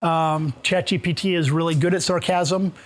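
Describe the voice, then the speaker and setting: High-voiced man presenting a workshop. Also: fairly even intonation, moderate pace. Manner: casual, asks the audience questions, with fillers and restarts. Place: meeting room with a live audience. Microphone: room mic, moves around while talking.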